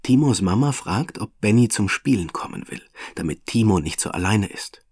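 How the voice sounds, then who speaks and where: A man calmly reading a children's story aloud as narrator. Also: fairly low pitch, normal speed, husky, no echo, studio quality.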